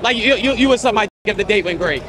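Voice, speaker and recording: A man's voice: sits high, lively intonation, very fast, a loud crowd. A young man doing a casual street interview on a busy street at night, teasing his guests and joking around, speaking into a handheld mic. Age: young adult. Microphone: handheld microphone.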